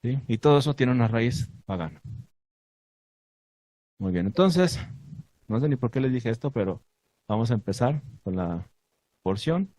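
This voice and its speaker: Mellow, husky man teaching a congregation. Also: mid-range voice, lively intonation, a little slow, pauses often, no echo, low-quality recording. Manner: asks the congregation questions, recites Hebrew blessings. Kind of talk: sermon teaching.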